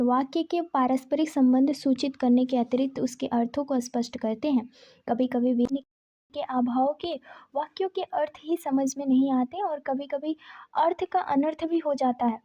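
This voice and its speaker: A woman's voice: high-pitched, fairly even intonation, moderate pace, dark tone, highs cut off. A woman teaching a Hindi grammar lesson for exam prep, reading out lists of letters one by one and correcting herself as she goes. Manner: reads lists of letters item by item, self-correcting.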